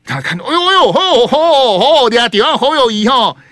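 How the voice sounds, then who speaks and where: A man's voice: very high-pitched, very animated, moderate pace, bright, forceful tone, no room sound, clean studio sound, pitched above the performer's own voice, heavily acted. A man putting on a gullible male TV viewer with exaggerated, mocking exclamations. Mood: giddy, gloating.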